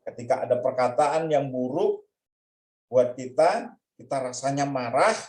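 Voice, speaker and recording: Animated male Sunday school teacher. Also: unhurried, echoey room. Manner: animated, acts out taunts in a high put-on voice. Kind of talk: children's church lesson.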